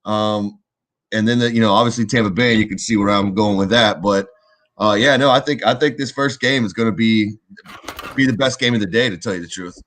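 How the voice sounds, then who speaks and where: A man co-hosting a sports podcast, giving casual, halting football analysis and repeating words as he thinks. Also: on the low side, a bit bright.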